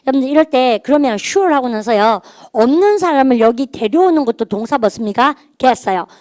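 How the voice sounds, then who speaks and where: A middle-aged woman teaches a grammar lesson in a higher voice, prompting her class to repeat after her again and again. The sound is close and completely dry, with no room in it. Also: lively intonation, brisk, darkish tone, no echo. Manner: drills students with call-and-response prompts. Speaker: English teacher. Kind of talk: recorded grammar lecture.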